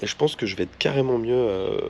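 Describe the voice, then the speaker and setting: A man's voice: mid-range voice, fast, vocal fry, highs cut off. A man from France, chatting casually as a travel vlogger, his voice congested from tonsillitis. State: sick with tonsillitis, congested swollen-throat voice. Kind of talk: casual vlog chat to camera.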